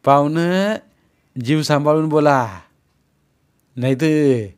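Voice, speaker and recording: Man doing a loud rustic cart driver. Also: a little high, takes it slowly, clean tone, pitched above the performer's own voice. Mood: defiant. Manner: rustic village speech, loud and threatening. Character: rough rustic male cart driver, defiant.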